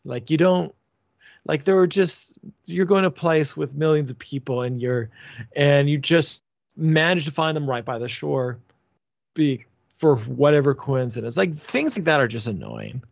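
A man's voice: a little high, big pitch swings, normal speed, creaky, dry recording, dull audio. A man in casual podcast chat, rambling with frequent restarts and fillers. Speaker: podcast co-host.

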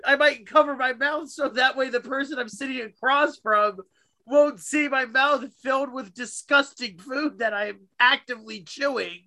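A man with a very high, bright voice talks excitedly with a friend about TV shows. He is emphatic and animated, leaning hard on "like" and "dude." This is loose, casual podcast talk. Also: normal speed. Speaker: podcast co-host.

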